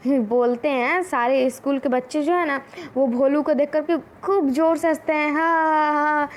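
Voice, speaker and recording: Female teacher, high voice, repeats lines slowly for young kids. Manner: repeats lines slowly, asks the class questions. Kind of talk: explaining a children's story lesson.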